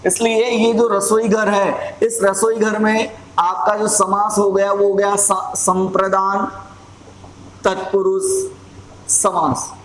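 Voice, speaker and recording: Slow, level-voiced male grammar teacher. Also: sits high, little pitch movement, a bit bright. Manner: slow, repetitive, drawn-out explaining, clears throat often. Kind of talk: slow classroom explanation. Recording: echoey room, faint ambient noise.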